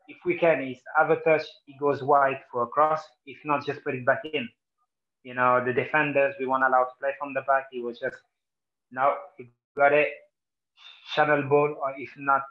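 A former footballer from Senegal talks through his career in a relaxed interview, his pitch staying fairly level. He fills his sentences with "literally" and "you know" as he goes. The recording sounds a little dull and lo-fi. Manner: animated when quoting, repeats "literally" and "you know". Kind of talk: casual interview chat.

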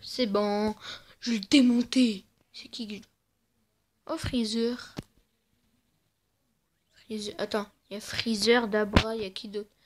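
A woman's voice: medium pitch, steady tone, takes it slowly, long pauses. A woman giving casual let's-play commentary, playful and trash-talking the game, often muttering under her breath. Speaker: gamer.

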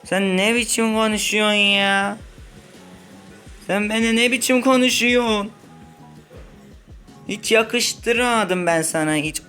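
A man's voice: sits high, slow, long pauses, sharp tone, faint music behind. A male gaming host in a playful role-play, playing a whiny, complaining patient with mock drama.

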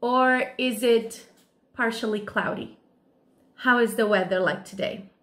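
Teacher lady, talks real slow and sing-songy to little kids, kinda high voice. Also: fairly bright tone. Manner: slow, sing-song, encouraging questions to children. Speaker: kindergarten teacher. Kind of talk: online lesson for young children.

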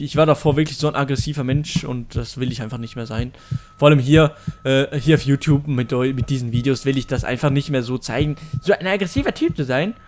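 Frantic, high-voiced young German gamer. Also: male voice, a little hiss or hum. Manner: frantic, yelling, pleading with the game. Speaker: gaming YouTuber. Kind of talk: excited let's-play commentary.

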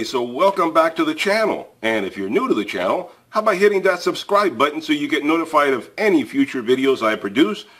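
On his tool review channel, a man with a slightly high, somewhat bright voice talks casually to the camera while handling a tool on a table indoors, filmed from above. He's chatty and plain-spoken, with frequent fillers and restarts.

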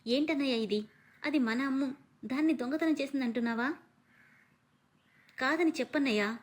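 A woman's voice: high voice, moderate pace. A woman voicing a spirited young woman who protests urgently in defense of her family, in a storybook reading. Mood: protesting. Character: loyal young sister-in-law, spirited and protective.

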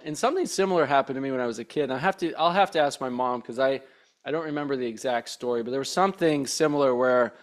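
A man in his thirties hosting a podcast from a home studio, speaking earnestly and thoughtfully with many hesitations into a mic on a boom arm. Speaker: podcast host. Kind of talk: reflective interview conversation. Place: home studio with shelves and plants.

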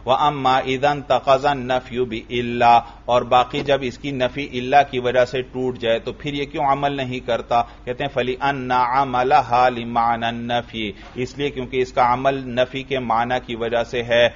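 A man with a Pakistani Urdu accent lectures in a classroom, speaking at an ordinary mid pitch. He reads Arabic lines slowly, then explains each point and quizzes his students. The recording sounds dull and lo-fi. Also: level tone, slight background noise. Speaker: teacher of Arabic grammar.

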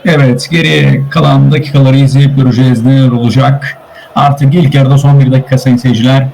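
A man calling a live online football game, rattling off player names and rising to shouts at big chances. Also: mid-range voice, level tone, vocal fry, low-quality recording. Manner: rapid name-calling, rising to shouts at goals. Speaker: play-by-play commentator. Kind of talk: live esports commentary.

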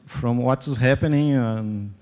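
Halting Brazilian man, slow and reverberant. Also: medium pitch, a little mellow. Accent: Brazilian Portuguese. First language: Portuguese. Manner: halting, many fillers and restarts. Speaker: conference speaker. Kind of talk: tech conference talk with live demo. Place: large conference hall. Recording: long hall reverb.

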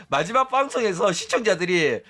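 A man's voice: high voice, pushed and bright. A man hosting a commentary channel, ranting bluntly and mockingly and tagging his points with "right?". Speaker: VTuber news channel host.

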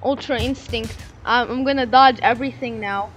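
A woman giving excitable, rambling gameplay commentary into a broken microphone, repeating hype shouts. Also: a little high, moderate pace, slight background noise. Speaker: gamer streamer.

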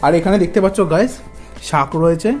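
A man's voice: on the high side, brisk, over music. A man, vlogging casually at a family home and addressing his viewers as guys, with English words mixed into his talk. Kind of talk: casual vlog narration to viewers. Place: family home and shop, indoors.

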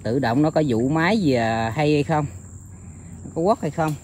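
A man talking casually to his viewers outdoors, rambling with many filler pauses. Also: on the high side, expressive, a little mellow, slight background noise. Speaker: bird-trapping vlogger. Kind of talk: casual outdoor vlog narration. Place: outdoors in countryside.

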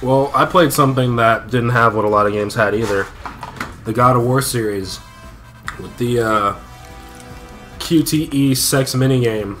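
A man's voice: mid-range voice, measured pace, pauses often, a bit bright, faint music behind. A man co-hosting a let's play, joking casually while reading the credits aloud. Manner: joking, reads credit names aloud with asides and laughs. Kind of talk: casual gaming commentary.

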